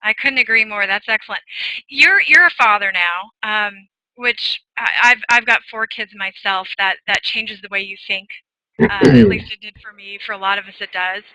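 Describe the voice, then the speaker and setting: Bright-voiced woman interviewer. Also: mid-range voice, normal speed, no room sound, low-quality recording. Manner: warm-hearted, encouraging, long rambling questions. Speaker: interview host, mother. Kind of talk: casual interview questions.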